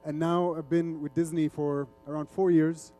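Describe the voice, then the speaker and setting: A middle-aged man's voice, a little high and mellow, moves at normal speed with little pitch movement over soft background music. The Arabic speaker, from Lebanon and raised in Saudi Arabia, is a media executive giving an informal, interactive presentation on a conference stage. He switches between Arabic and English.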